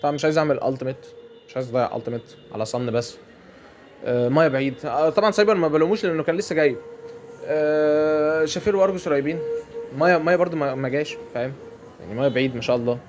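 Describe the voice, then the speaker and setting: A man's voice: a little high, racing, faint music behind. A man with an Egyptian Arabic accent giving chatty commentary over a mobile game match, often repeating his phrases. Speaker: gameplay commentator.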